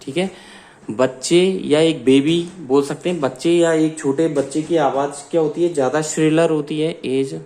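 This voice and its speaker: A man's voice: on the high side, steady tone, mellow. A man with an Indian accent, a science teacher dictating class notes and spelling out words letter by letter. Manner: slow dictation, spells out words letter by letter, mixes Hindi and English.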